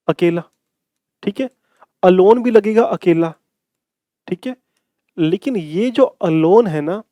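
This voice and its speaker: Brief: male grammar teacher, a little high and mellow, dry close sound, repeats points and quizzes the class. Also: no room sound. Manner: calls students "bhai". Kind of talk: exam-prep grammar lesson.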